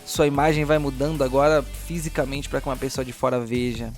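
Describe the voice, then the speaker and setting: With music playing behind him, a Brazilian game master narrates a horror tabletop session, moving from dramatic description to slangy, casual side comments. He speaks briskly in a mid-range voice with fairly even intonation.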